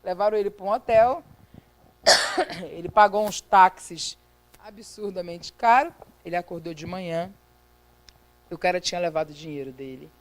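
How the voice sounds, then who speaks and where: In a church sanctuary, a middle-aged woman with a Brazilian Portuguese accent preaches as a missionary, acting out dialogue as she tells a story in a testimony-style sermon. Her voice is lowish and her pace normal, with long pauses, and the audio quality is poor.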